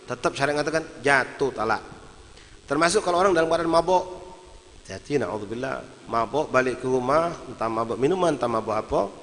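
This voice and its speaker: A man with a Palembang Malay accent teaching a religious lesson at a mosque, lively, often acting out quarrelling husbands in local dialect. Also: medium pitch, fairly quick, big-room sound, rough recording. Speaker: preacher at a mosque study session. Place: mosque hall.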